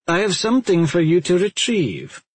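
A man's voice: sits high, sing-song, moderate pace, dry recording, voice pushed up. A man putting on a stern, scornful witch. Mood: imperious. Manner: imperious, cold, impatient.

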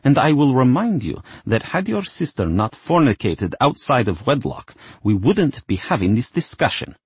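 A man's voice: medium pitch, sing-song, moderate pace, husky, no echo, voice pushed up. A man reading a story, voicing a stern, scheming middle-aged mother who scolds her daughter. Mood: cold. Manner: curt, scolding.

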